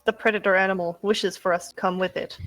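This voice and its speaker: A woman's voice: medium pitch, fairly even intonation, quick pace, fairly bright tone, faint music behind. A woman playing a tabletop game, tossing off dry, wry remarks about her character's actions. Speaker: player. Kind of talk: casual tabletop play.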